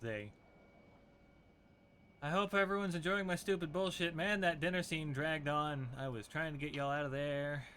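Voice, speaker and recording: A man's voice: a little high, normal speed, pushed and bright, slight background noise. A man acting as game master, chatting loosely and joking with his players during a break. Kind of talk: casual chat between game sessions.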